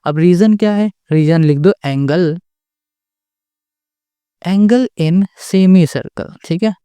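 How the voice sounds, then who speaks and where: A patient maths tutor walks through a problem step by step. The voice is warm and mellow. The tutor keeps asking rhetorical questions, checks in after every point, and is recorded dry and close with no room sound. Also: mid-range voice, clean tone, no echo. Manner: asks the class rhetorical questions and checks in with "okay?" often; patient and repetitive, restating each step.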